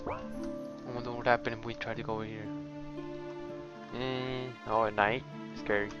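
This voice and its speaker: Male streamer, mid-range voice, low-key muttered commentary, slightly muffled mic, faint game music. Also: level tone, moderate pace. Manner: quiet, muttering to himself. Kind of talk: casual gameplay commentary.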